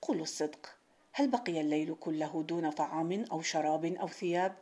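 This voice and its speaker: A woman's voice: deep voice, fast, warm tone, natural voice. A woman reading the lines of a rich, bored, domineering middle-aged merchant in a folk tale. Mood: commanding. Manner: challenging, commanding.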